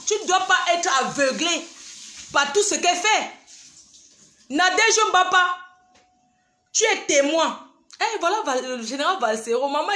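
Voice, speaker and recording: A woman's voice: extremely high pitch, bright, forceful tone, roomy sound. A woman, ranting on a livestream and scolding her rivals directly. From Cameroon. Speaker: livestream host. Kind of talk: heated livestream rant.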